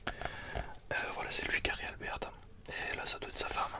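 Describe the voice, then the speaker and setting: Hushed library whisper, fully unvoiced, casual ASMR book review, explanatory, close-miked. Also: moderate pace. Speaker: ASMR video creator.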